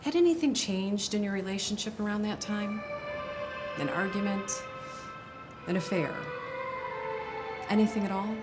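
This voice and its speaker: A woman playing a tough, businesslike homicide detective in a drama, questioning in a measured, insistent way. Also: mid-range voice, natural voice. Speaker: actor. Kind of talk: dramatic interrogation scene acting. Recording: loud music behind the voice. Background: loud instrumental music.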